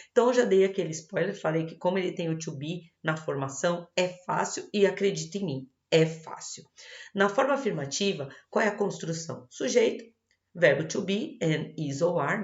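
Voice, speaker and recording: A woman with a Brazilian Portuguese accent, an English teacher explaining grammar rules in a video lesson, patient and reassuring. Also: fairly low pitch. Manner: patient, reassuring, checks in with "tá bom?". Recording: roomy, dull lo-fi recording.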